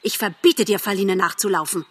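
A woman's voice: mid-range voice, fairly quick, fairly bright tone, breathy edge. A woman voicing a domineering young male deer who barks harsh commands in a storybook reading. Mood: bullying.

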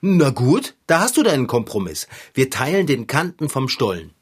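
Kindly bike mechanic for a kids' radio play, coaxing, husky, lively in pitch. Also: male voice, moderate pace. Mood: exasperated. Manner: coaxing, mildly exasperated. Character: patient, fussing male bike mechanic, the cat's friend. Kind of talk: children's radio play acting.

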